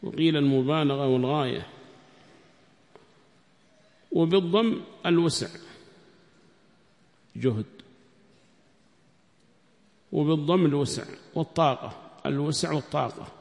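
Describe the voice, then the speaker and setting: Man dictating a hadith lesson. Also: creaky. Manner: repeats each phrase slowly for dictation; recites quoted text louder and higher. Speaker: Islamic studies teacher. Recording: long hall reverb.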